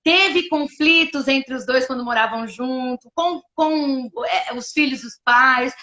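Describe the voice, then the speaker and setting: A woman's voice: high voice, slow pace, sharp tone. A woman interviewing a guest, with short encouraging replies. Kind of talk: casual interview. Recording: echoey room.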